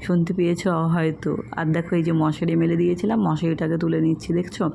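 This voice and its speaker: A woman rattles through a chatty voice-over in a somewhat low, mellow voice. Her throat is slightly hoarse, and she keeps asking her viewers if they follow. Faint noise lies under the recording. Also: flat delivery, quick pace. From India. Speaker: family vlogger. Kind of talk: casual vlog voice-over.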